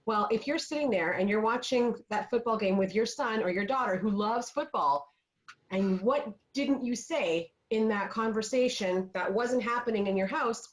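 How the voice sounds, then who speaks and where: Mom on a video call, earnest, tells stories and quotes herself a lot. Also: female voice, fairly high pitch, moderate pace, poor audio. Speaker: panelist parent. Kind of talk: virtual panel discussion.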